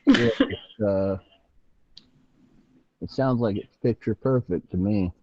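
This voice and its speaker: A laid-back man co-hosting a casual podcast, speaking in a halting way with lots of fillers. His voice is fairly low and mellow, and the recording sounds muffled and lo-fi. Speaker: podcast co-host. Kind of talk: casual chat.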